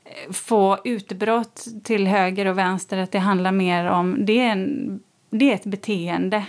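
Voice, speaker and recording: A woman in casual conversation, telling a personal story in a lively way and acting out what people said. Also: mid-range voice. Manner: animated storytelling, acts out quoted lines. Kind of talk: casual chat.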